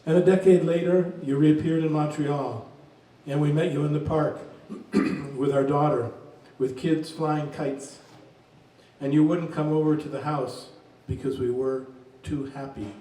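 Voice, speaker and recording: A man's voice: a little high, fairly even intonation, mellow. Man reading poems in an echoey room. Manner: slow, measured reading voice. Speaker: poet reading his work. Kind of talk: poetry reading. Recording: very echoey room, distant mic.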